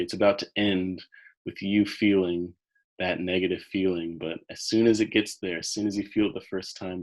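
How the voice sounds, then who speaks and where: A man coaching listeners through a guided visualization, speaking slowly and soothingly, with soft trailing phrase ends. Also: low-pitched, low-quality recording.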